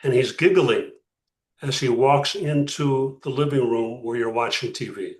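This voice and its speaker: A man lectures as a rabbi to a class, heard from a distance in an echoey room. His mid-pitched voice moves deliberately, with pauses and rhetorical questions. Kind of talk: interactive religious lecture.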